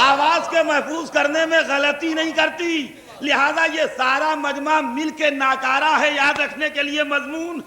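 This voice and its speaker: A man's voice: very high-pitched, level tone, few pauses, pushed and bright. A man with a Lucknow Urdu accent delivering a religious sermon to a large gathering, explaining with repeated examples and asking the audience questions. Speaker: preacher delivering a majlis. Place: large hall before a gathering. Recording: echoey hall recording, 1982 tape.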